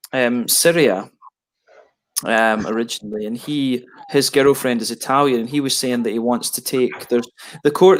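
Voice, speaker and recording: Over a headset on a video call, a man in his thirties chats casually as a beer reviewer on a video hangout, rambling with plenty of fillers and restarts. His voice is medium-pitched, and the audio quality is poor.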